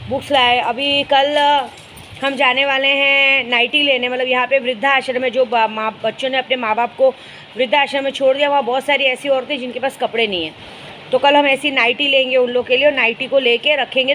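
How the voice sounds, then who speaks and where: A spiritual guide with a high-sitting, sharp-toned voice casually chats with followers in a vlog, telling stories with fond asides. The audio is poor, with slight background noise.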